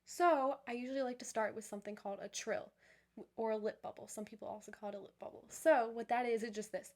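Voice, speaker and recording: A young woman who leads viewers through vocal warm-ups, encouraging and upbeat, with many fillers and restarts. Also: a little high, fairly even intonation, fast. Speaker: voice teacher. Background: piano.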